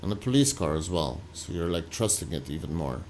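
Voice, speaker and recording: Low-voiced man commenting on footage. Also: sing-song, a little mellow, a little hiss or hum. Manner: loose, halting, full of "like" and restarts. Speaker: reaction video host. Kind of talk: casual commentary over footage.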